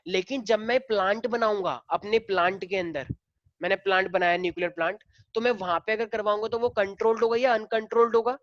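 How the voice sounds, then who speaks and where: A man's voice: high voice, steady tone, brisk, fairly bright tone, no echo, dull audio. A male teacher lecturing a class in a casual way, explaining step by step and firing questions at the students.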